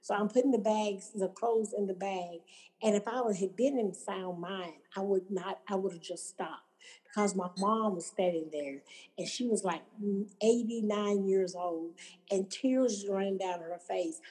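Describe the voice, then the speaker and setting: A woman's voice: mid-range voice, measured pace, a little mellow, rough recording. A woman telling her own recovery story to an audience, acting out what others said. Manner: storytelling, acting out quoted voices. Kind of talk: personal testimony to an audience.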